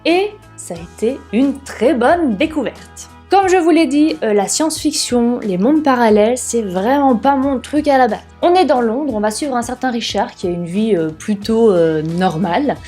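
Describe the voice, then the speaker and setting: A woman's voice: fairly high pitch, expressive, normal speed, few pauses, mellow, husky, faint music behind. A young woman casually reviewing books she has read, chatty and candid, with frequent fillers. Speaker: book vlogger.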